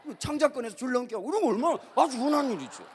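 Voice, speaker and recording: A middle-aged man with a Gyeongsang accent, preaching a lively youth-camp sermon as a pastor and telling stories with playful slang. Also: very high-pitched, racing, a little hiss or hum. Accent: Gyeongsang Korean. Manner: animated storytelling with acted voices and playful slang. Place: large hall at a youth camp. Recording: reverberant hall.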